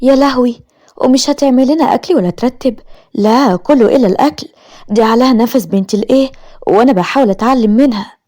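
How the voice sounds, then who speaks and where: Lady doing a whiny egyptian teen brat, quick talker, soft dark tone. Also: a little high, close to an everyday voice. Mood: alarmed. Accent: Egyptian Arabic. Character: bratty teenage sister-in-law, greedy and whiny.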